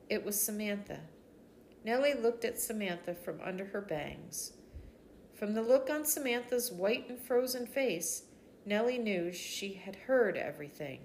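An older woman reads a children's chapter book aloud, grandmotherly and gentle. Her storytelling is expressive without being theatrical, in an even, middle-range voice. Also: mid-range voice, a little hiss or hum. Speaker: storybook reader.

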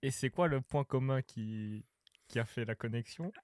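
A young man from Portugal co-hosting a casual podcast, telling stories with quick, teasing banter. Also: mid-range voice, darkish tone, no echo. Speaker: podcast co-host.

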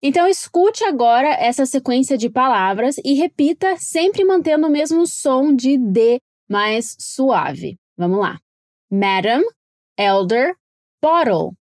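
Higher-voiced Brazilian woman teaching pronunciation. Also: animated, a little mellow, no room sound, studio quality. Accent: Brazilian Portuguese. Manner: clear, explanatory, slows down to model English words. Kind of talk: scripted podcast lesson.

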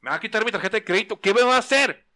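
A man's voice: sits high, racing. A young man with a Mexican accent in casual crude chat, joking and telling stories. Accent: Mexican Spanish. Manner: crude, joking, animated storyteller.

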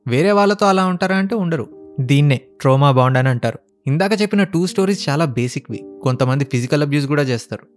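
Fast-talking sarcastic man telling stories. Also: on the high side, lively intonation, soft background music. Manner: sarcastic, blunt, mixes in English phrases. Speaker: relationship advice vlogger. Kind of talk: casual storytelling commentary.

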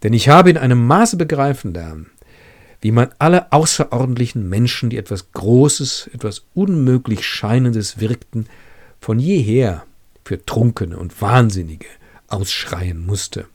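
A man's voice: medium pitch, lively intonation, unhurried. A man reading aloud the speeches of a passionate, brooding young man who argues in fervent, rhetorical questions. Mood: defiant. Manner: impassioned, rhetorical.

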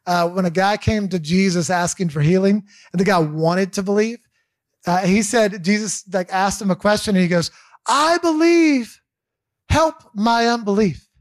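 A man in his thirties telling a personal faith story as a pastor, candid and halting, with frequent restarts and fillers. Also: sits high, fairly even intonation, no room sound, clean studio sound.

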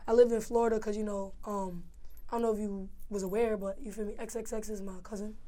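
A woman's voice: mid-range voice, flat delivery, fast, dark tone. A young woman with a New York accent, a rapper talking casually as an interview guest, laid-back and full of slang, often asking "feel me?".

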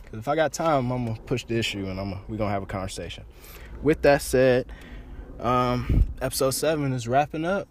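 A man's voice: medium pitch, a little fast, slight background noise. Blunt profane man hosting a podcast. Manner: blunt, profane, animated storytelling. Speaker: podcast host. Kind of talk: casual podcast chat.

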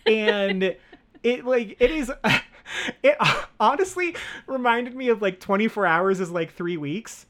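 A man's voice: sits high, expressive, takes it slowly, fairly bright tone. A man co-hosting a film podcast, talking casually with lots of fillers and restarts. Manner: rambling, many fillers and restarts. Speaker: podcast co-host.

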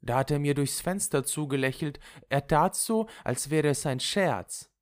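A woman's voice: low voice, a little slow, pitched above the performer's own voice. A reader voicing Loulou, a flighty and impulsive young woman who chatters in a gossipy way, in an audiobook. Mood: chattering. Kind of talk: audiobook character voice.

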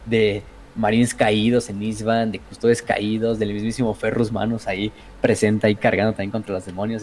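A man with a Mexican accent, a streamer casually retelling game lore in an excitable, profane way, full of fillers and slang. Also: fairly low pitch, a little hiss or hum. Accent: Mexican Spanish.

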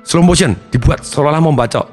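A man who trains people in trauma therapy, telling a seminar audience about a patient's case in an animated way, acting out voices and counting aloud. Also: on the high side, fast, faint music behind. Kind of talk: storytelling seminar talk.

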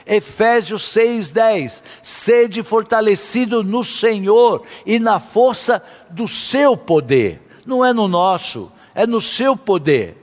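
A man's voice: high-pitched, expressive, takes it slowly, hardly any pauses. A man preaching a sermon as a pastor, impassioned, sometimes half-singing his phrases. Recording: long hall reverb.

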